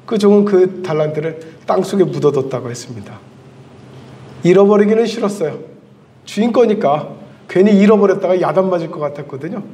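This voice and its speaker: A man's voice: sits high, expressive, fairly quick, mellow. A male pastor preaching a sermon in a church. He tells the story vividly and asks the congregation questions. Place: church sanctuary. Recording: echoey hall, voice from a distance.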